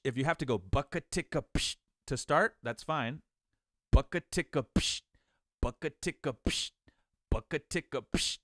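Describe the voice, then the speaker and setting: A man's voice: mid-range voice, normal speed, no echo, studio quality. A man teaching an online beatbox class, encouraging his students, counting them in and demonstrating the sounds.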